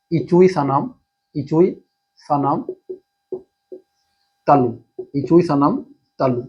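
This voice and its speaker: A male teacher explaining a lesson in Hindi, slowly repeating key terms and answering his own questions. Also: a little high, slightly rough, lo-fi sound. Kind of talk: exam-prep lesson.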